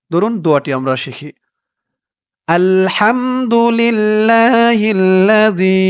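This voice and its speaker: A man giving a step-by-step recitation lesson, patiently spelling out sounds letter by letter and chanting the words slowly and drawn out. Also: high-pitched, no room sound, clean studio sound. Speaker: religious teacher.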